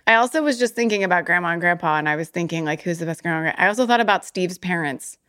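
A woman co-hosting a podcast in casual chat, chatty and quick to laugh, often restarting her sentences. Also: on the low side, a bit bright. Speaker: podcast co-host.

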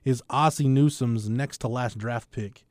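A man's voice: medium pitch, a little slow, no echo, clean studio sound. A man presenting a sports podcast in a casual, conversational way.

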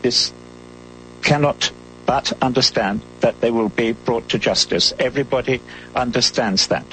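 A man speaking as a live interpreter, giving a formal simultaneous translation of a speech in measured phrasing with halting restarts. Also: mid-range voice, bright, forceful tone, faint music behind, rough recording.

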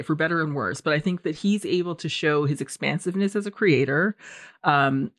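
A woman's voice: sits low, dry recording, studio quality. A woman co-hosting a film podcast, giving thoughtful, explanatory commentary in a conversational way.

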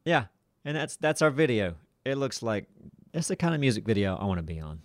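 A man's voice: medium pitch, sing-song, fairly quick, no echo. A man co-hosting a podcast, reminiscing in casual group chat with an easygoing manner. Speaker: podcast co-host.

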